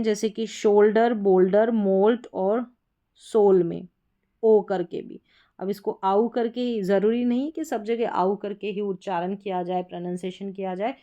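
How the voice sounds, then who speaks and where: A woman's voice: medium pitch, dark tone. A woman with an Indian accent teaching English pronunciation, explaining rules patiently and reading word lists aloud one word at a time. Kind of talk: explaining lesson.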